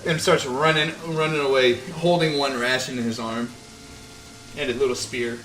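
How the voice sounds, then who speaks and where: A man's voice: mid-range voice, steady tone, normal speed, fairly bright tone, echoey room, distant mic, slight background noise, low-quality recording. A man running a tabletop game as game master, narrating casually and laughing often.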